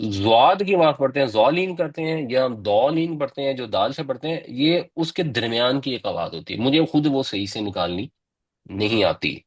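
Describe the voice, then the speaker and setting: A man in a mid-range voice teaches a religious lesson. He lays out each point patiently and in steps, as if walking students through it. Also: mid-range voice. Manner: patient, step-by-step explaining. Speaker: Quran teacher.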